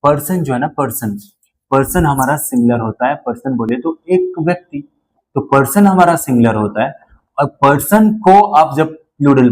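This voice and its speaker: A man teaching English grammar to exam students, talking casually, repeating key phrases, and slowing right down on each English example. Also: mid-range voice, a little mellow, poor audio. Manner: asides with rhetorical questions to the class.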